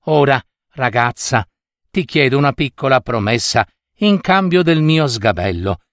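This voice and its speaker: A man's voice: mid-range voice, lively intonation, a little slow, no room sound, clean studio sound. A man voicing a tiny magical woman, kindly but stern, calling out breathlessly. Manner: breathless, pleading calls.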